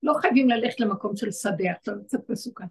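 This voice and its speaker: A woman's voice: mid-range voice, slightly rough. A woman leading a religious lesson for women, urging her listeners on with short, repeated phrases. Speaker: spiritual teacher leading a women's class.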